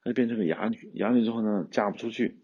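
A man's voice: lowish voice, fast talker, darkish tone, breathy edge, muffled recording. A man hosting a podcast, retelling an old tale in a loose, casual way with frequent restarts. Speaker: podcast host, screenwriter-director. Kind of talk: casual storytelling commentary.

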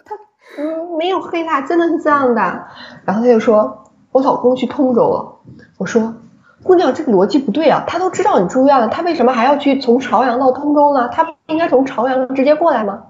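Woman telling a hospital story, lively. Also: high-pitched, fast, slight background noise. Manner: lively storyteller who laughs often. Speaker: obstetrician and podcast co-host. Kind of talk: casual chat, telling a work story. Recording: roomy, slightly dull recording.

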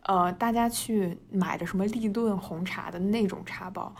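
A woman's voice: mid-range voice, steady tone, moderate pace, darkish tone, a little hiss or hum. A Chinese woman, chatting as a podcast co-host, laughing often, padding her talk with fillers and mixing in English words. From China. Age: 20s. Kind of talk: casual storytelling chat.

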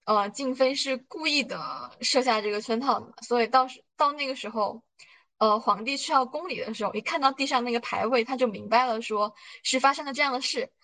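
A woman's voice: a little high, a little fast, fairly bright tone, poor audio. A woman hosting a podcast, chattily retelling drama scenes and thinking aloud about hidden motives, with lots of fillers. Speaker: podcast host. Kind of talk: casual plot recap and analysis.

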